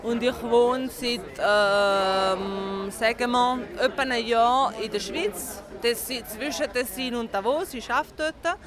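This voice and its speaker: A young woman pauses often to find her words but stays friendly. Her voice is a little high, and a crowd is heard clearly behind her outdoors. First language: Italian. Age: 20s. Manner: hesitant, friendly. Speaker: festival visitor. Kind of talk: vox pop interview.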